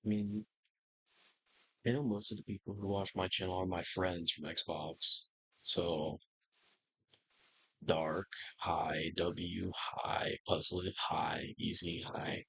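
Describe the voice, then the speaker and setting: A man's voice: deep voice, little pitch movement, slow pace, gravelly, pauses often, fairly bright tone, slight background noise, rough recording. A young man chatting casually and rambling over his gameplay, swearing now and then. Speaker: gaming YouTuber. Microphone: computer microphone.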